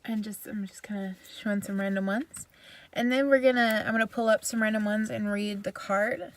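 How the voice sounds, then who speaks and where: A woman's voice: medium pitch, steady tone, normal speed. A woman giving a casual, chatty review with a self-deprecating manner, recorded inside a parked vehicle. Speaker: video reviewer.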